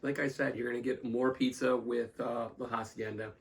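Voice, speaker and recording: A man's voice: mid-range voice, level tone, normal speed, gravelly. A man co-hosting a casual pizza review podcast, often stammering and restarting his sentences.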